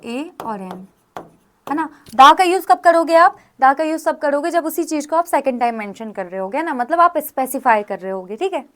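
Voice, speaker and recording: A woman's voice: high voice, expressive, moderate pace, fairly bright tone. A woman teaching a grammar lesson, explaining rules step by step and often checking in with her students. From India. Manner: frequent check-in questions to students.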